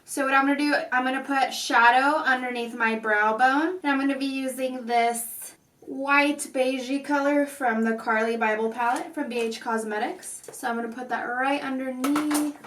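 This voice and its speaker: A woman's voice: high-pitched, steady tone, normal speed, a bit bright. A woman hosting a casual makeup tutorial, speaking with slightly odd, constrained articulation. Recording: echoey room, distant mic.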